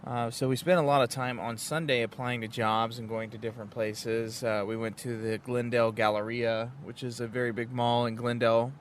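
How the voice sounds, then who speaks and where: A man from West Virginia recording an informal, rambling audio diary in a halting, frustrated way. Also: mid-range voice, little pitch movement. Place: sitting in a parked car. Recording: noisy field recording in a car.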